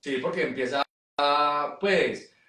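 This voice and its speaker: A man's voice: a little high, takes it slowly, bright, forceful tone, distant mic. A young man, a psychologist, thinking aloud in a casual family conversation. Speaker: psychologist, guest. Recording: roomy echo.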